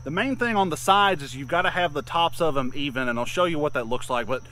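A chatty man in his thirties, voice sitting a little high, talks his way through a farm chore in a relaxed outdoor vlog. He rambles with plenty of fillers into a camera held at arm's length. Crickets and insects buzz faintly behind him in the yard. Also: fast. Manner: chatty and plain-spoken, with many fillers. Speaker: homesteader vlogger. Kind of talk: casual outdoor DIY vlog. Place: outdoors in a grassy farmyard by a metal building. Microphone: action camera held at arm's length.

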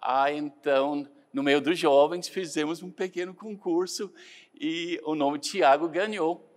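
Irish-born missionary priest, second-language Portuguese speaker, calm anecdotal interview answers. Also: male voice, on the high side, unhurried. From Ireland.

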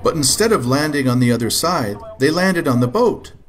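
A father reading a children's picture book aloud with expressive, animated storytelling. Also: a little high, normal speed.

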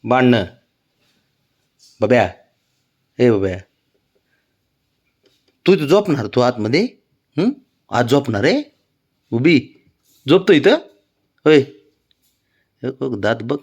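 Man, pet owner at home, coaxing his cat, lively sing-song pitch. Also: slow pace, long pauses. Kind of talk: casual talk to a pet cat.

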